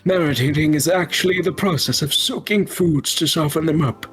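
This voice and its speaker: A woman's voice: low voice, soft background music, natural voice. A woman voicing a forgetful, meandering old man while reading a game's dialogue aloud. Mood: rambling. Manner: slow, meandering storyteller. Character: rambling forgetful old man, elderly sage.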